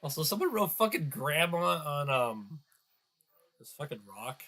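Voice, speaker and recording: A man's voice: a little high, sing-song, unhurried, bright, forceful tone. A man giving crude, sarcastic reaction commentary on a video, stuffed up and nasal from a cold. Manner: crude, sarcastic, swears often, muttering asides.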